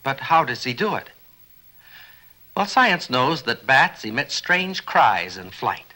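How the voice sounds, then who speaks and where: A man's voice: mid-range voice, sing-song, takes it slowly, bright, forceful tone, low-quality recording. A man giving scripted educational documentary narration in an earnest, explanatory way, often posing rhetorical questions. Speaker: film narrator.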